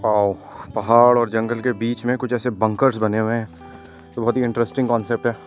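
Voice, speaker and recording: This Indian travel vlogger speaks fairly quickly in a flat, mid-range voice, narrating chattily to his audience as he films a mountain trail outdoors on a handheld camera. Soft music plays in the background.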